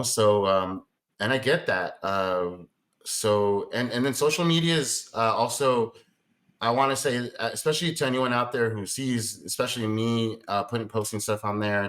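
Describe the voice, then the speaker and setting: A man's voice: on the low side, fairly bright tone. A man in his late thirties chatting in a rambling, encouraging way in a casual podcast conversation. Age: late 30s.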